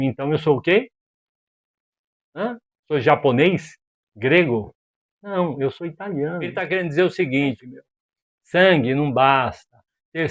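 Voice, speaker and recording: Speaking a little high, a Brazilian man riffs on his opinions as a video host, worked up and exasperated. Rhetorical questions and slang fill his casual commentary, and the top end of the audio is cut off.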